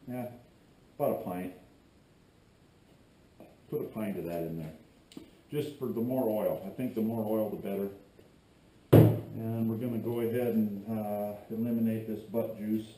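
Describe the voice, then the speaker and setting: A man's voice: on the low side, a little slow, pauses often, warm tone. Joking middle-aged man in an echoey garage. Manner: joking, rambling, chatty asides while working. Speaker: fishing video host. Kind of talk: casual how-to vlog. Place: cluttered garage workshop. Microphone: far camera on a tripod. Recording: echoey garage with faint hum.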